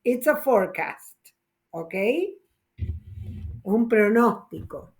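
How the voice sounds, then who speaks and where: Teacher, female, fairly high voice, slow and patient, explains grammar step by step. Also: animated. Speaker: English teacher. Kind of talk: online class teaching, mixing Spanish and English.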